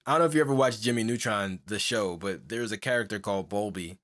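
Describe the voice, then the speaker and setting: Fast and a bit bright, with a fairly low pitch, this young man co-hosts a podcast in a casual conversation. He rambles, restarts sentences, fills gaps with "like" and similar fillers, and laughs frequently.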